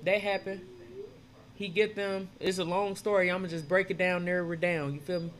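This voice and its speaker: A man with a fairly high voice spins an old tale in loose street slang, jumping into characters' voices as he goes. His delivery is animated and conversational, full of asides to his listener. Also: fairly quick, slight background noise. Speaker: storyteller retelling Bible stories. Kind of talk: casual street-slang storytelling.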